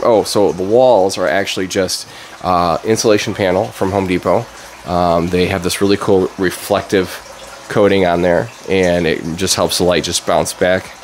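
Man, 30s, deep low voice, casual DIY vlog, chatty with fillers, faint background noise. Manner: relaxed, chatty, many uh and um fillers. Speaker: DIY channel host. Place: basement grow room under pink grow lights; garage workshop, indoors.

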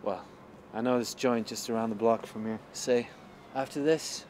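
A man's voice: medium pitch, fairly even intonation, moderate pace, darkish tone, a little hiss or hum, close to an everyday voice. A man playing a noir police detective in a film, a chummy but defensive partner with casual, clipped talk.

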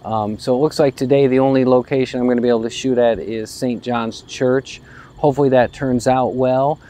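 A man's voice: medium pitch, fairly even intonation, brisk, warm tone. A man in his forties, a photographer, explaining his work casually while standing outdoors on a rural roadside, thinking aloud with many ums and restarts. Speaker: photographer vlogger.

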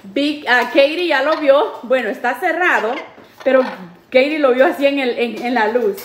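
A woman hosting a parrot channel, chatting excitedly to viewers and coaxing her birds, singing and laughing. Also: high voice, normal speed. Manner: playful, coaxing, sings and laughs often. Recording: echoey room with faint noise.

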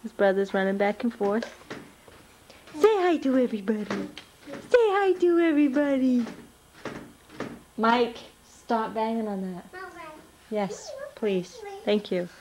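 A woman's voice: a little high, animated, a little slow, long pauses, darkish tone, slight background noise. A woman filming her young children on a home camcorder, coaxing them in a sing-song baby-talk voice. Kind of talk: home video narration. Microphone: handheld camcorder.

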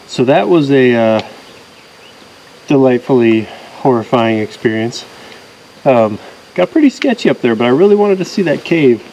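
A man in his thirties talking casually to a camera outdoors, halting and understated. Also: mid-range voice, animated, mellow, muffled recording, a little hiss or hum. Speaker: solo outdoor vlogger. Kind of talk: low-key casual talk to camera. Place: outdoors in a rocky desert canyon.

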